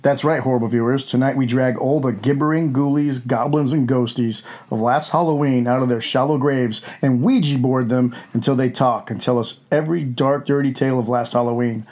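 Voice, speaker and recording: A man's voice: mid-range voice, steady tone, brisk, hardly any pauses, darkish tone, close to an everyday voice. A man playing a gleefully crude wolfman who hosts a campy horror show with hammy, scripted storytelling. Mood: gleeful, ghoulish.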